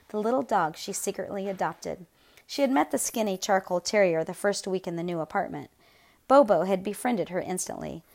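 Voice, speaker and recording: A woman narrating a novel aloud in a steady, measured, grave storytelling voice. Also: mid-range voice. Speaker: audiobook narrator.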